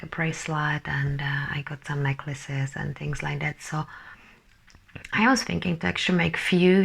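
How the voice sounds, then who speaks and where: A woman giving a casual spiritual energy update as a channeller, talking haltingly, searching for words and often dropping to a soft whisper. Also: sits low, gravelly.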